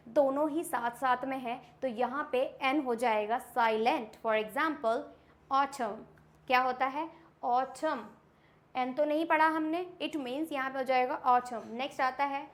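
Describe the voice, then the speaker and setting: A young woman teaching a lesson, repeating example words clearly and often checking that the class has understood. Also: sits high, fairly bright tone. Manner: checks understanding with frequent quick questions. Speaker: English teacher. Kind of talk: classroom-style lesson explaining silent letters.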